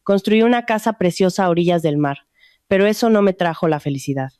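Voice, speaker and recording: A woman's voice: lowish voice, lively intonation, fairly quick, warm tone, smooth, no room sound, clean studio sound, close to an everyday voice. A woman reading as a remorseful dying old aunt. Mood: regretful. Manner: regretful, tender. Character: remorseful dying elderly aunt writing a letter.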